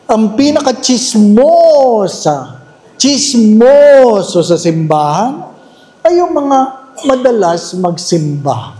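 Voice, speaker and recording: Slow, high-voiced joking priest. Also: male voice, mellow, echoey room. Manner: joking anecdotal storytelling to a congregation. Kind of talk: humorous Lenten homily. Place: church.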